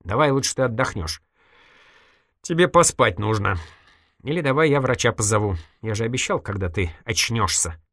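A man's voice: mid-range voice, animated, normal speed, fairly bright tone, no room sound, clean studio sound. A reader voicing an evasive, wisecracking male journalist in an audiobook, ironic and mock-innocent. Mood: wry. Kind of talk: audiobook character voice.

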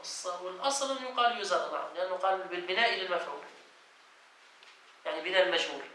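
Sheikh guy quizzing his students, bright voice, lots of room echo, faint hiss. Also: high-pitched, racing, recorded from a distance. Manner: reads a passage, then explains it and quizzes students. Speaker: sheikh teaching Quran exegesis. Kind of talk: classroom lesson, reading and explaining. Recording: echoey room, voice from off-mic, faint noise.

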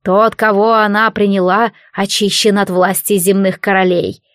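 A frenzied male zealot drawls his doom-laden invocations, loud, slow and heavy with triumph, as a woman narrator puts him on. The storybook voice sits close and dry, with no room around it. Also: mid-range voice, level tone, dry recording, natural voice. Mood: gloating. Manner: ecstatic, slow proclaiming. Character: fanatical male villain proclaiming the abyss.

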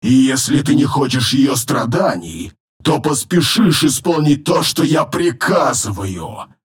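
A rumbling demon lord in a layered demonic voice. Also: male voice, lively intonation. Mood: mocking menace. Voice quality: rumbling, rough. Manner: slow, menacing, commanding. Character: arrogant, cruel male demon lord from beyond a portal. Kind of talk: audiobook narration with voiced characters.

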